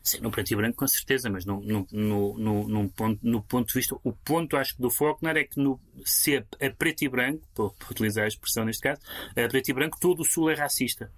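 A man's voice: medium pitch, fast, fairly bright tone. A man with a European Portuguese accent discussing a book as a critic on radio, full of fillers and restarts. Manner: hesitant, many fillers and restarts.

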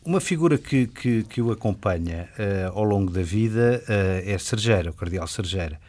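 Hesitant European Portuguese radio host. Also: male voice, fairly low pitch, animated, moderate pace, a little mellow. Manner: hesitant questioning with many fillers and repeated words. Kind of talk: radio interview.

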